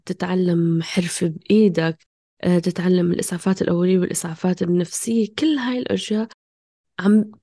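A woman with a medium-pitched, dark voice talks casually and passionately, questioning herself in fragmented bursts. The studio-quality recording has no echo.

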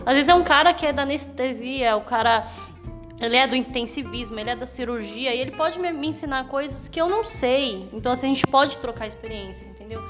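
Young woman vet talking fast and blunt, highish voice, faint music behind. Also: fairly bright tone. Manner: emphatic and outspoken, swears freely. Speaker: veterinarian guest. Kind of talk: casual podcast chat.

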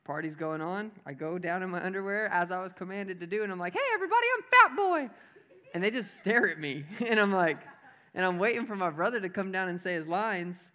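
A young adult man, a pastor giving a lively sermon to a live crowd, telling playful stories and having the crowd repeat words. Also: high-pitched, brisk.

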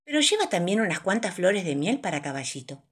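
Lady reading a kids story out loud, singsong and playful, pitch all over the place. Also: very animated, brisk, husky. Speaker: storybook narrator. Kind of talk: children's story reading with character voices.

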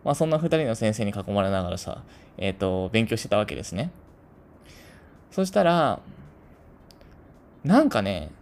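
A man's voice: lowish voice, a little mellow. A man from Tokyo telling a casual story to his channel in a chatty, rambling way full of asides. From Tokyo, Japan. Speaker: channel host.

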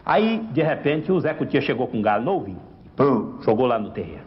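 Animated man telling a folk joke. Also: mid-range voice, fairly quick. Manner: lively, animated storyteller. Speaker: joke teller. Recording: dull lo-fi sound.

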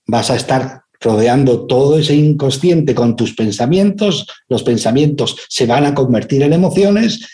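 A man's voice: medium pitch, unhurried, few pauses, warm tone. A man giving an inspirational lecture, often asking rhetorical questions of his listeners. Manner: acts out quoted voices in stories. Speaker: speaker giving a talk.

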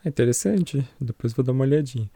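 A Brazilian man chatting on a podcast, retelling horror anime episodes with lively storytelling. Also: medium pitch, quick pace, vocal fry, husky, dry recording, studio quality. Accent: Brazilian Portuguese. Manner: animated storytelling, acts out scenes with laughs. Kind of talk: casual chat reviewing an anime.

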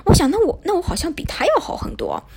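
A woman's voice: extremely high pitch, huge pitch swings, quick pace, gravelly, very noisy. A young woman from China, a podcast host telling a personal story in a chatty way, posing and answering her own questions.

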